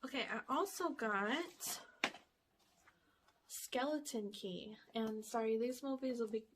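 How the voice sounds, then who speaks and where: Woman vlogger with a higher voice, casual and rambling, slightly out of breath, recorded at home. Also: takes it slowly, a little hiss or hum. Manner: chatty and rambling, with many fillers and restarts; reads the blurbs on the backs of DVD cases aloud. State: a little out of breath. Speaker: vlogger showing a shopping haul. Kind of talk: casual chat. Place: indoors at home, sitting in one spot.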